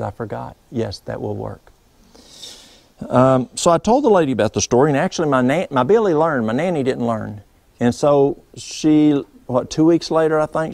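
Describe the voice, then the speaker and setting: Gravelly man telling stories. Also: medium pitch, a little mellow, dry recording. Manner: homespun, rambling, with many fillers and restarts. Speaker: herbalist speaking to a group. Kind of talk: folksy storytelling talk.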